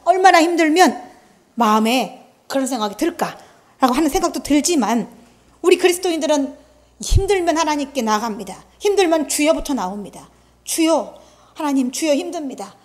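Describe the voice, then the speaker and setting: A middle-aged woman pastor preaching a Sunday sermon, earnest and conversational, acting out quotes and stories. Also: high-pitched. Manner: earnest, storytelling with acted-out quotes.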